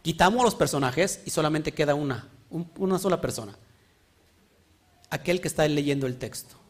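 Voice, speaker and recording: A man's voice: on the high side, moderate pace. A man preaching a sermon, asking his listeners frequent questions. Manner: animated, asks the congregation questions often. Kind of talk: sermon teaching.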